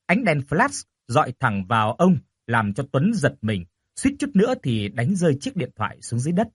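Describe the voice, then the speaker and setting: A man's voice: medium pitch, wildly swooping pitch, normal speed, breathy edge, no room sound, clean studio sound. A man narrating a horror story expressively, rising on tense moments. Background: faint music.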